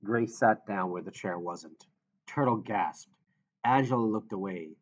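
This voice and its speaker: A man reading an audiobook in a steady, measured narration. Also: on the low side. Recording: dull lo-fi audio.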